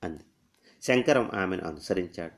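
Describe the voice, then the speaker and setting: A man reading a short story aloud in a measured, expressive narration. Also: deep voice.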